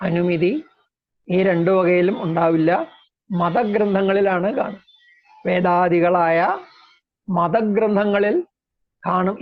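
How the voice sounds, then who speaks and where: A man lecturing on philosophy in a slow, measured way, explaining terms step by step. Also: sits high. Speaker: lecturer on Indian logic. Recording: dull lo-fi recording.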